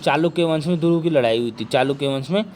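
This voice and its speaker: A male teacher speaks fast and softly in a high-leaning voice, nursing a sore throat during an exam-prep history lecture. There's slight background noise as he keeps raising questions and answering them himself.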